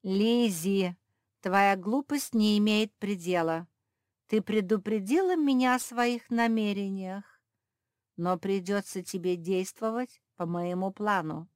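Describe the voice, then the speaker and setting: A woman voicing a scheming male cat villain in a storybook, talking loud and mocking. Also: medium pitch, slow pace, dry recording, studio quality, natural voice. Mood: scornful.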